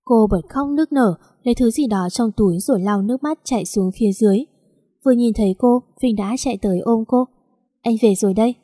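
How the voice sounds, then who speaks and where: A woman reading a dramatic romance story aloud as a narrator, in a steady, dramatic manner. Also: fairly high pitch, no echo, studio quality.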